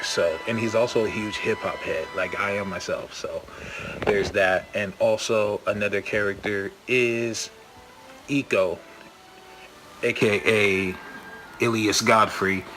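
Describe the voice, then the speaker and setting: A man with a fairly low voice speaks casually and eagerly about his own comic book. His delivery is easygoing and loose, full of fillers. Music plays clearly under his voice. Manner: easygoing, filler-heavy, enthusiastic. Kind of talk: casual pitch to camera.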